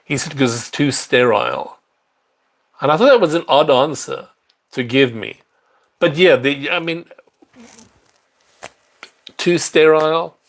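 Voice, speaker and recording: A man's voice: a little high, expressive, measured pace, long pauses. Middle-aged guy chatting on his livestream, rambly, lots of ums, answers viewers. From South Africa. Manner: chatty and rambling, with fillers and self-corrections. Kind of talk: casual live-stream chat. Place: apartment in a large city.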